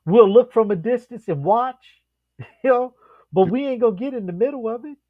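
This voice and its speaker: Man, lively storyteller, dry close sound, slightly dull lo-fi audio. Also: normal speed, no room sound. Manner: animated storyteller, acts out quotes with big pitch jumps. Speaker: podcast co-host. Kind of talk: casual chat.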